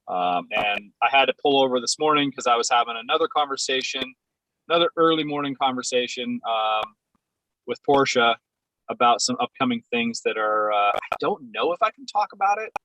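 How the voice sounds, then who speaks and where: A man's voice: medium pitch, bright, forceful tone, no echo, rough recording. A man chatting as a podcast guest from the driver's seat of his parked car, telling stories with lots of hesitations and ums. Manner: rambling, hesitant storytelling with many ums. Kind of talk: casual chat.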